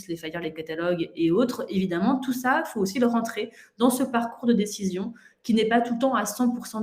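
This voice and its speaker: A woman's voice: medium pitch, mellow. Woman presenting in an echoey hall. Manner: fluent presenter with frequent fillers and restarts. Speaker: conference speaker. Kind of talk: expo conference talk. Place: conference hall.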